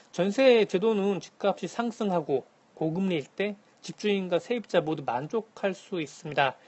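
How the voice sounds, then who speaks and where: A man calling in to a radio show as a correspondent, giving a formal, scripted economic briefing in a measured manner. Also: on the high side. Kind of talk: scripted news briefing, answering by phone. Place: phone link to a radio programme.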